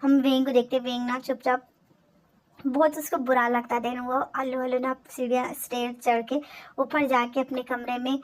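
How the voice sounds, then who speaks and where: A woman's voice: high voice, flat delivery, moderate pace. A woman casually retelling her own fan fiction story, chatty and full of dialogue tags.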